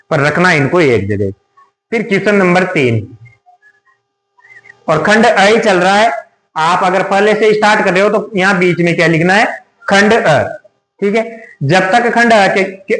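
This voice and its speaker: A man's voice: sits high, a bit bright. A man teaching a lesson on exam tips, often asking rhetorical questions and repeating himself. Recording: echoey room.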